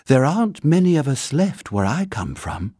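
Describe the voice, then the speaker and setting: Guy doing a little polite bear, high sweet voice, kinda proud of himself. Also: big pitch swings, normal speed, mellow, slightly rough, no room sound, studio quality. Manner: polite, earnest, a little important. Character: small polite young male bear.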